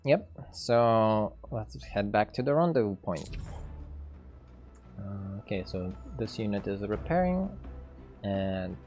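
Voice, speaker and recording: Male dev host, low voice, casual stream commentary, hesitant and chatty, quiet music behind. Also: animated, slow. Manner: thinking aloud, hesitant with fillers, reads game text. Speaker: game developer streaming gameplay. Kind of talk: casual livestream gameplay commentary.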